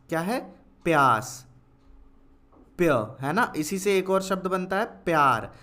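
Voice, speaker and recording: A young man teaching Hindi spelling, dictating each word slowly, repeating it and quizzing the listener. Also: on the high side, a bit bright. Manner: dictates words slowly, repeats each, asks "kya hai?". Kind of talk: slow dictation lesson.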